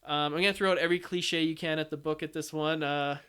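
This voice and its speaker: A man with a fairly high, bright voice talks casually as a podcast co-host. His tone is very clear and smooth, and he leans into playful overstatement as he reviews films. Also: fairly even intonation, fast talker. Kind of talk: casual film review chat.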